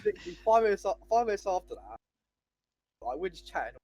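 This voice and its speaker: A man's voice: high voice, quick pace, dry recording. A young man, casually telling stories between laughs and fillers. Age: young adult. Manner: laughing, animated anecdote telling with many fillers. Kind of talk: casual storytelling chat.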